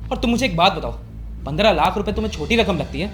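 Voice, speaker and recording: A man's voice: high-pitched, expressive, quick pace, faint music behind. A man playing a stern, lecturing young husband. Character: younger brother-in-law, loyal to elder brother. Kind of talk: scripted family drama acting.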